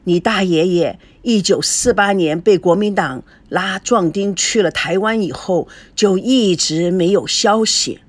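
A woman reading an audiobook, voicing an earnest old grandfather in a lowered voice. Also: measured pace, hardly any pauses, no room sound, lightly acted.

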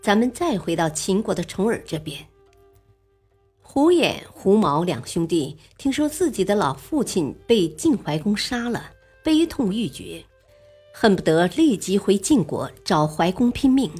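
A woman narrating a serialized history story in a slow, dramatic storytelling manner. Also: medium pitch, expressive, darkish tone, husky, soft background music.

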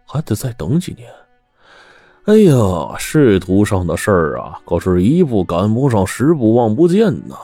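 A sly, ruthless mine boss who wheedles and gloats, his voice rising and falling a lot, as a man puts him on in a told story. The tone is dark and mellow, and the recording is dry and close with faint music underneath. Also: deep voice, dry recording, heavily acted. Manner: oily, smug and wheedling. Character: scheming, ruthless middle-aged male mine boss.

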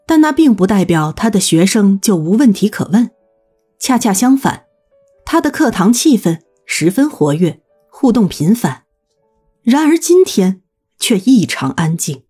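A woman narrating a novel as an audiobook, in expressive scripted storytelling. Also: medium pitch, breathy edge.

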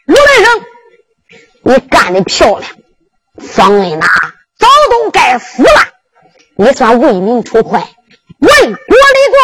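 A woman's voice: sits high, a bit bright, a little hiss or hum, exaggerated voice, low-quality recording. A woman storyteller with a Henan accent voicing a stern, commanding old prince in a Henan zhuizi performance.

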